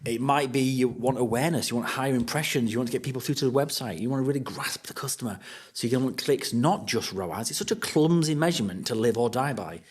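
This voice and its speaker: A man's voice: mid-range voice, fast talker, breathy edge. A man competing in a workplace quiz, joking and boasting as he rambles through his answers. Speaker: quiz contestant. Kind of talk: playful competitive banter. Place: office studio.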